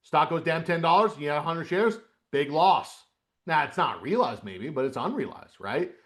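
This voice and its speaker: A middle-aged man leads a live webcast lesson on options trading. His voice sits a bit high for a man, and he keeps it chatty, drifting into folksy asides while he works through the trades. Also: animated, normal speed, a bit bright. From upstate New York, US. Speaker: trading coach.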